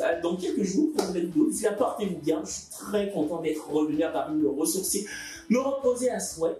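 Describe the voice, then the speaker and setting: A man with an Ivorian accent telling a story-time vlog in an animated way and mimicking the people he meets. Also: high-pitched. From Côte d'Ivoire. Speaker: vlogger. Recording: roomy, distant from the mic, faint music.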